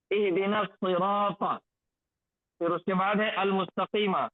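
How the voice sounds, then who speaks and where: A man with a high voice teaches a Quranic Arabic recitation lesson, slowing down to drill each phrase again and again. The sound is thin and phone-like, with a dry, close feel and no room around it. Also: no room sound. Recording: tinny phone-like lo-fi audio, dry.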